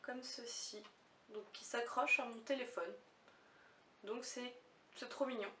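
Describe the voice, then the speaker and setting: A roomy, slightly distant recording with faint noise carries a woman's fairly high voice. She talks casually to camera like a vlogger unboxing gifts, gushing and thinking aloud as she goes. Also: fairly even intonation, a little slow, a bit bright.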